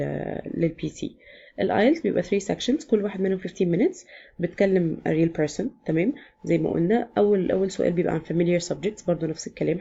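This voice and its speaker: A woman's voice: on the low side, gravelly, warm tone, slightly rough, muffled recording. A woman with an Egyptian Arabic accent, casually explaining exam sections in a chatty vlog lesson, often switching into English. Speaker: exam prep teacher.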